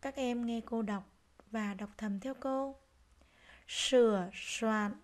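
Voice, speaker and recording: A woman teacher giving a reading lesson to young children, speaking gently and pronouncing each word clearly. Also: a little high. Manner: gentle, slow, clearly articulated. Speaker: primary school teacher.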